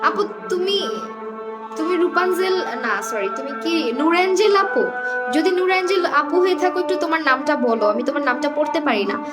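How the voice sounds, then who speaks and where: Over loud music, a woman with a high-pitched voice hosts a live-stream clothing sale at a moderate pace. Chatting casually, the online seller reads out viewers' comments and names and mixes English words into her speech.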